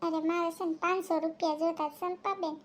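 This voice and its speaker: A woman voicing a sly, flattering housewife who borrows money in a cartoon, with a Kathiawadi Gujarati accent. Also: extremely high pitch, fast talker. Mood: wheedling. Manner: wheedling, flattering.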